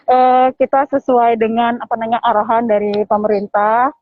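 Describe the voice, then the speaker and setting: A woman's voice: a little high, level tone, moderate pace, no echo. A woman from Lombok, Indonesia, chatting casually as an interview guest while speaking through a face mask. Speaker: airline general manager, guest. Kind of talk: casual live interview chat. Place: at an airport. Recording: thin phone-like internet call audio.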